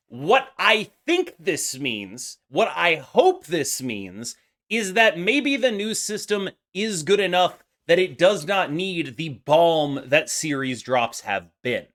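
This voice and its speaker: A man's voice: fairly high pitch, pushed and bright. A man giving unscripted opinion commentary as a gaming content creator, arguing emphatically and discursively with many qualifications.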